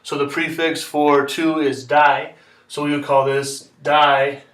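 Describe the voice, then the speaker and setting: A man's voice: on the high side, little pitch movement, unhurried, a bit bright. Male teacher, patient step-by-step explainer; echoey classroom, distant mic. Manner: patient, repeats steps, checks in with "okay?". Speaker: chemistry teacher. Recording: echoey room, mic far off.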